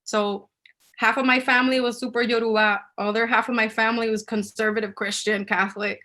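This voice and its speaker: Brisk and a little high, her voice holds a level tone that sounds pushed and bright. She's an author from Puerto Rico in a casual live Q&A over video call, answering audience questions, laughing often and mixing in Spanish.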